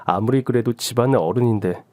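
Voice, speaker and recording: A man's voice: mid-range voice, brisk, warm tone, dry recording, clean studio sound. A man narrating a first-person story for a radio drama channel.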